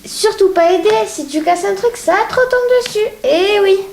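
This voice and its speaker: A woman's voice: very high voice, animated, moderate pace, vocal fry, a little mellow, exaggerated voice. A woman acting a gossipy, griping friend in a comic sketch. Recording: echoey room with faint noise.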